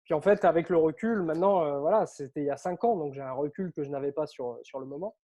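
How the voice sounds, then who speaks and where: Speaking quickly, a French author and coach tells stories as a guest in a casual interview. He grew up on Réunion Island yet has no accent, and his somewhat high voice stays mellow. His manner is animated and talkative, peppered with filler words.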